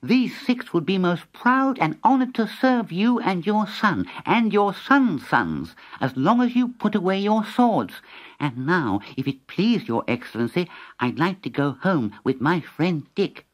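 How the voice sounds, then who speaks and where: A man's voice: high-pitched, sing-song, measured pace, pitched above the performer's own voice, low-quality recording. A man voicing a clever talking cat who speaks courtly and formally, in a storybook reading.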